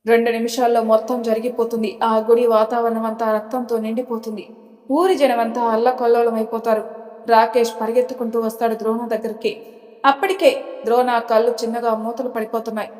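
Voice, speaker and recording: Woman storyteller, serial drama narration, fairly high voice, long reverb. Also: brisk. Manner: dramatic, steady.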